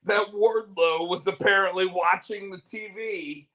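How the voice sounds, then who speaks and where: A man's voice: sits high, steady tone, unhurried, sharp tone. A man co-hosting a casual wrestling and TV recap podcast, laughing and building his points as he goes. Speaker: podcast co-host. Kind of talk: casual chat.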